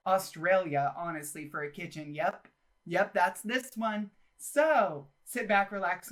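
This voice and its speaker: A woman hosting a video channel, giving chatty, enthusiastic, emphatic voice-over commentary on a game build in a casual style. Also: medium pitch. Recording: music behind the voice. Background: music.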